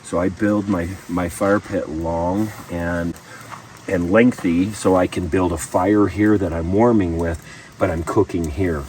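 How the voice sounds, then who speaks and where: A man with a deep, a little mellow voice speaks a little slowly and with fairly even intonation. He's a guide giving a casual, plain-spoken walkthrough at a backcountry camp outdoors, keeping his voice down. The mic is distant and outdoor background noise comes through.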